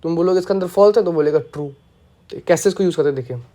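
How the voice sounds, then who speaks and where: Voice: medium pitch, rapid-fire, dark tone. A programming teacher giving a casual screencast lesson, playful and often checking that listeners follow along.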